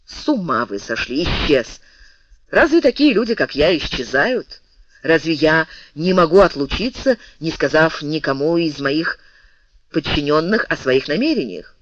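A man puts on a commanding general who stays calm and stern. He speaks measured and resonant, and his pitch moves widely. The recording is dry and lo-fi. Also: no echo. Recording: dull lo-fi dry audio.

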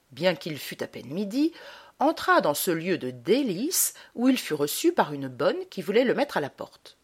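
A woman narrating a short story as an audiobook reader, with an expressive, dramatic reading. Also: medium pitch.

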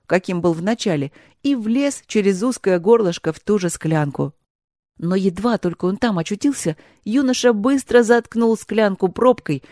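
An audiobook narrator reading a fairy tale in a calm, measured way, at a middling pitch. The recording is dry and close, with no room sound. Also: no echo.

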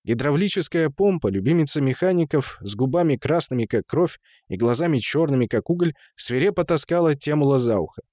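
A man reading an audiobook in measured storytelling, voicing the characters. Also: a little high, lively intonation, dark tone, dry recording, studio quality. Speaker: narrator. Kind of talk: audiobook narration.

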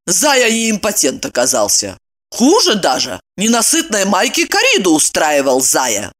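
A woman reading a story aloud, voicing a brash, sharp-tongued young woman who scolds and exclaims. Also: mid-range voice, wildly swooping pitch, measured pace, full character voice. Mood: indignant.

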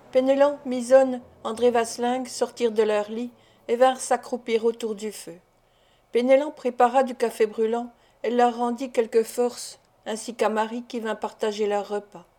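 A woman narrating a classic novel as an audiobook, in a steady, measured reading style. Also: fairly high pitch.

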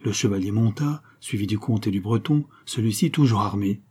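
Low, dark-voiced male narrator. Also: fairly quick, husky. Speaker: audiobook narrator. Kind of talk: scripted narration of a historical novel.

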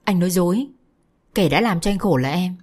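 A woman's voice: on the low side, expressive, fairly quick, a little mellow, husky. A woman reading a story aloud, voicing a regretful young woman who pleads through tears. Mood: tearful. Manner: tearful, pleading.

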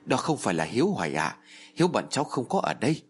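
A man's voice: medium pitch, very animated, fast, husky. Stern female spirit medium, voiced by a male storyteller, firm and urgent. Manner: firm and commanding.

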